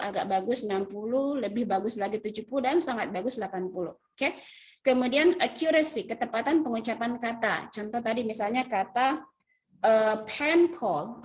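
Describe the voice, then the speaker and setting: A woman English teacher patiently explaining an assignment and its grading step by step, with many fillers and self-corrections. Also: medium pitch. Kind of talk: recorded online class explanation.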